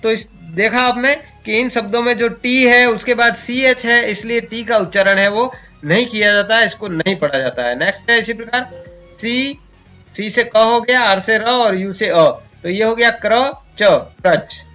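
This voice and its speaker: A man's voice: very high-pitched, bright, forceful tone, soft background music. A man teaching English pronunciation who spells words out sound by sound, asks the viewers questions and answers them himself. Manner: slow, spells out sounds one by one.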